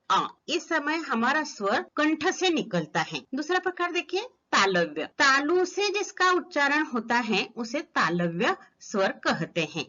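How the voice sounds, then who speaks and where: A woman teaching an online grammar lesson, speaking slowly and sounding out each vowel as an example. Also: high-pitched, sharp tone. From Maharashtra, India. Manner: slow, deliberate, models each vowel sound aloud. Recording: slightly dull lo-fi recording.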